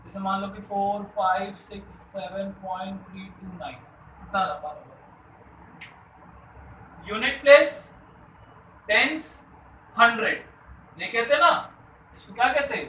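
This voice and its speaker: This math teacher explains a classroom lesson to students, asking questions and supplying the answers himself, with English math terms sprinkled throughout. He speaks at normal speed in a high, pushed, bright voice; the room echoes, he sits a bit far from the mic, and faint noise hangs in the background.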